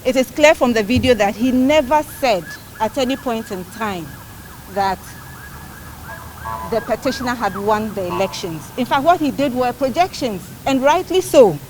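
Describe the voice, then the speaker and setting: A woman with a Ghanaian accent giving a press briefing as a party spokesperson, speaking emphatically and deliberately, point by point. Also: on the high side, lively intonation, a little hiss or hum, low-quality recording. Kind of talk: press briefing on a court case.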